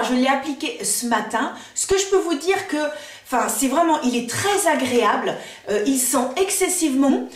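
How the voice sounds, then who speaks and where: A woman beauty vlogger chatting casually about products, with frequent hesitations and fillers, sometimes reading product descriptions aloud. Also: sits high. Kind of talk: casual product-review chat. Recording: echoey room, mic at a distance.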